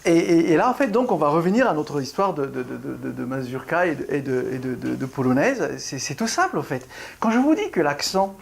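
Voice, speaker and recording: A middle-aged ballet class pianist giving a casual video lesson, talking in a halting way with many restarts while showing rhythm and breathing. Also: mid-range voice, lively intonation, creaky.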